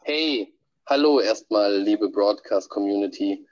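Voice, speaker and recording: A man with a cold and a nasal voice, heard as a low-quality audio file played back on a podcast, delivering a prepared message. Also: a little slow, a little mellow. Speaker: podcast regular sending a birthday message. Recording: dull lo-fi playback.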